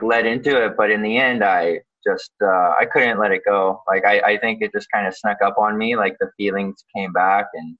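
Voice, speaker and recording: With a lowish voice and a sharp tone, a man who was born in Ukraine and grew up in Canada answers interview questions casually, informally, and with hesitation as he thinks aloud. He's an underwater photographer and dive professional, and the sound is somewhat dull and lo-fi.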